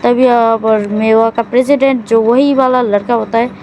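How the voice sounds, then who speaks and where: A woman's voice: a little high, steady tone, moderate pace, a little mellow, a little hiss or hum, rough recording. A woman casually recapping a drama's plot in a loose, rambling way, often correcting herself mid-sentence.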